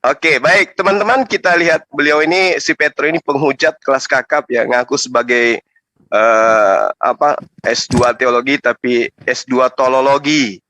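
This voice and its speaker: A man's voice: mid-range voice, moderate pace, sharp tone, no room sound. A man hosting a live online debate, mocking and taunting his opponent over a video call. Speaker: live stream host.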